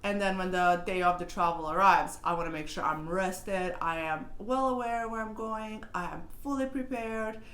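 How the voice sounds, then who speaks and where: A woman's voice: mid-range voice, moderate pace, hardly any pauses, fairly bright tone. A woman, sharing travel tips in a chatty, rambling way. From Serbia. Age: 30s. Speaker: travel vlogger. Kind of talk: casual talking-head advice vlog. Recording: echoey room with faint ambient noise.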